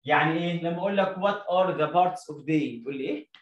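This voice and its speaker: A man with an Egyptian Arabic accent, teaching an English lesson. He reads English sentences slowly, word by word, and asks questions that he answers himself. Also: fairly high pitch, echoey room, highs cut off. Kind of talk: explaining a lesson to young pupils.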